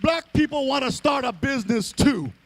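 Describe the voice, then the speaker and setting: Speaking in a very high voice with lively intonation and a moderate pace, this man delivers a sermon-style oration to a crowd at a live event. His preaching is impassioned and dramatic, built on emphatic, rhythmic repetition.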